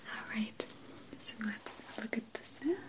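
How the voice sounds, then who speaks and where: A woman whispering softly and slowly as a perfume shop assistant in an ASMR roleplay, close to the microphone. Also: on the high side, lively intonation. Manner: soft unvoiced whisper, slow and soothing.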